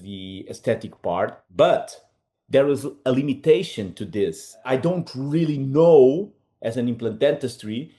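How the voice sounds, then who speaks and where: Relaxed dentist presenting. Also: male voice, medium pitch. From Portugal. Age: middle-aged. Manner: relaxed, many fillers, slightly non-native phrasing. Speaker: implant dentist, webinar co-host. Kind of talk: casual presentation.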